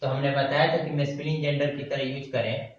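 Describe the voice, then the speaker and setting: A man teaching a grammar lesson, who repeats words slowly as he writes them on a board. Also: mid-range voice, flat delivery. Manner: slow, repeats terms while writing on a board. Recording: dull echoey room, mic far off.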